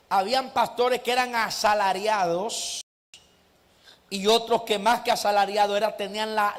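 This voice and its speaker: A man, a pastor preaching a sermon, building to loud shouts and repeating "amen" and "glory to God". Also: sits high. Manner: preaches with rising shouts and frequent "amén" and "gloria a Dios". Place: church sanctuary. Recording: long hall reverb.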